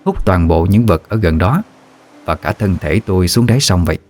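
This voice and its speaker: Deep-voiced man telling a ghost story. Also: animated, moderate pace, a little mellow. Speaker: narrator.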